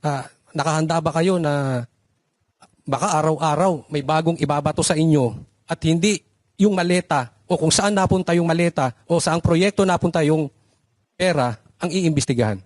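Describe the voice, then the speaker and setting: A man's voice: on the high side, normal speed, no echo, studio quality. A man, a vlogger who gives probing, lecturing commentary in an interview. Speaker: vlogger guest and coach.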